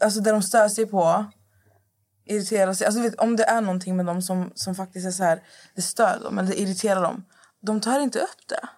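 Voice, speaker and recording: A woman's voice: medium pitch, fairly even intonation, a little mellow. A woman talking casually as a guest on a podcast, rambling and restarting her sentences as she searches for words. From Middle East. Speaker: guest influencer.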